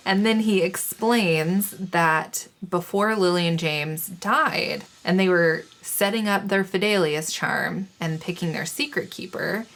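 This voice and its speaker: A woman co-hosting a casual book podcast, her voice set low for a woman. She explains the story at length in an easygoing, conversational way, with a blunt swear word now and then. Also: a bit bright. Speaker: podcast co-host. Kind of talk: casual book-discussion chat.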